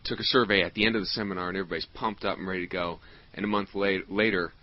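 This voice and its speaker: Agreeable male interviewer, low voice, halting delivery, dull lo-fi recording. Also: steady tone, slight background noise. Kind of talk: casual promotional chat.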